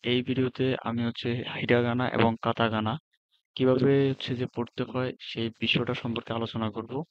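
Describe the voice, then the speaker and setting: A man casually walking through a beginner language lesson, relaxed and pausing with fillers, mixing in English words. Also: mid-range voice, dry recording. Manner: relaxed, often pauses with fillers while explaining. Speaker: language teacher. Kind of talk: casual spoken lesson walkthrough. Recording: dull lo-fi sound.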